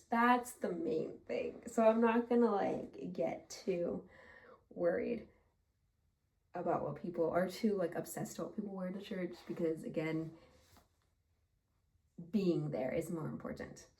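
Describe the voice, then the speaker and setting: A woman's voice: lowish voice, measured pace, creaky, darkish tone, husky. A woman vlogging from her home in a casual, rambling chat full of fillers, a bit out of breath. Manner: chatty and rambling, with many fillers. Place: home, indoors.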